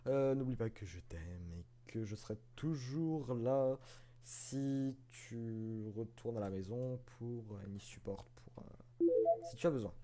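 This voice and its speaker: A man voicing a caring mother in a video game, reading her lines slowly and haltingly. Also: medium pitch, dark tone, close to an everyday voice. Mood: tender. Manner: halting, slow reading with fillers. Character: caring mother sending her child away.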